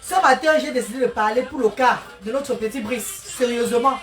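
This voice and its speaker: A woman's voice: on the high side, brisk, a bit bright. A woman cooking while she talks on a casual live stream, greeting viewers by name and often speaking of God's blessings. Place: home kitchen. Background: music playing.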